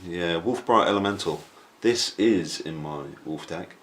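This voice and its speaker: A man's voice: low-pitched, measured pace, slight background noise. A man casually chatting through card reviews, joking and slipping into silly voices. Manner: jokey, breaks into silly put-on voices. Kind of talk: casual chat.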